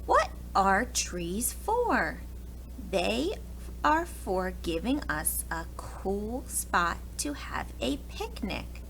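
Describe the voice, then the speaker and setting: An American woman who teaches preschool reads aloud from a picture book to young children, speaking extremely slowly with asides and questions. Her mid-range, slightly bright voice has big pitch swings, and background noise is distinctly audible.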